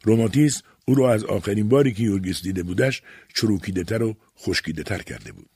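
A man reading an audiobook in measured, dramatic scripted narration. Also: lowish voice, warm tone, breathy edge, dry recording, clean studio sound.

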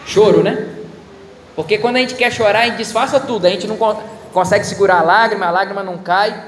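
A man preaching a sermon, telling humorous personal stories and talking straight to the audience in an animated way. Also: sits high, fast talker. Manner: animated, humorous anecdotes, addresses audience directly. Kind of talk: storytelling sermon. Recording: echoey hall with loud ambient noise.

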